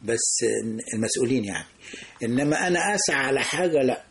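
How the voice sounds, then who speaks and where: Brisk older Egyptian man reminiscing. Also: mid-range voice, lively intonation, a bit bright, slight background noise. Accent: Egyptian Arabic. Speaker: guest, veteran news broadcaster. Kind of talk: radio interview.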